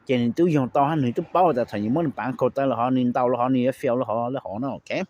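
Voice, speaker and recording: A man hosting a casual talk to viewers, rambling quickly and checking in with "okay?", with English phrases slipped in. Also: medium pitch, darkish tone, lo-fi sound. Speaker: host.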